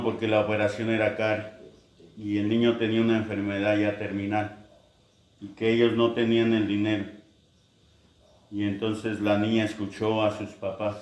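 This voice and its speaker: A pastor preaching in church has a fairly low-pitched, darkish voice. His sermon is built on storytelling, with the quotes acted out in different voices.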